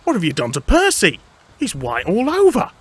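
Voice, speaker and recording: A man's voice: high-pitched, huge pitch swings, normal speed, breathy edge, pitched above the performer's own voice, heavily acted. A man voicing an amused, helpful railway signalman with a hearty manner in a children's story. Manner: hearty, chuckling.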